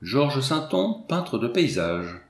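A man's voice: mid-range voice, very animated, takes it slowly. Reserved young painter read by a man, polite and wary, echoey room. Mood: stern. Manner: polite, guarded.

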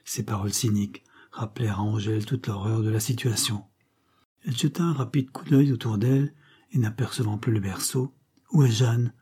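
A man's voice: on the low side, fairly quick, mellow, husky. A man narrating an audiobook as a dramatic scripted reading.

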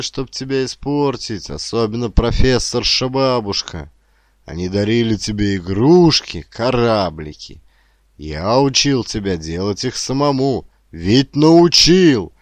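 A male reader voicing a stern old shipyard worker who talks gruffly and emphatically. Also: medium pitch, no echo, voice pushed up, natural voice. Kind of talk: audiobook character reading.

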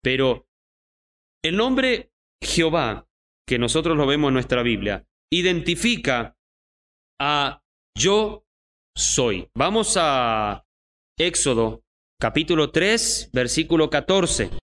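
A man's voice: on the high side, sing-song, slow pace, long pauses, fairly bright tone, in a large hall. A man teaching a church Bible study, who calls his listeners brothers and keeps checking whether they understand.

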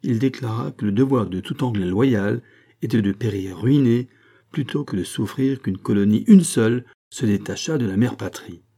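A man narrating an audiobook in a measured, dramatic reading style. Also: lowish voice, warm tone. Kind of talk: scripted narration.

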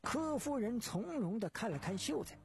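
A storyteller narrating a dramatic tale in an expressive, measured way. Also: mid-range voice, gravelly.

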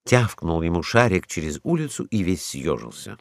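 A man's voice: deep voice, very animated, normal speed, creaky, no room sound, clean studio sound. A man narrating a storybook, reading expressively.

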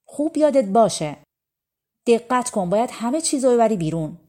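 A woman voicing a stern old grandfather spirit who speaks from the hearth, giving loud scolding commands. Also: fairly high pitch, sing-song, voice pushed up. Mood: insistent.

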